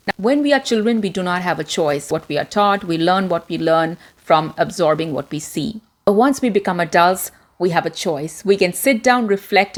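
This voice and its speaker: Speaking to camera, a woman presenter delivers a self-help talk in a deliberate, clear manner. She has a lowish voice and a transitional accent with American influence.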